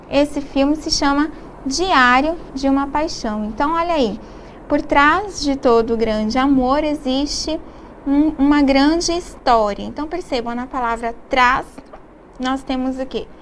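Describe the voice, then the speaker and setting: A woman's voice: high-pitched, measured pace, a little hiss or hum. A woman with a Brazilian Portuguese accent teaching a recorded distance-learning lesson, explaining patiently step by step and often checking in with her students.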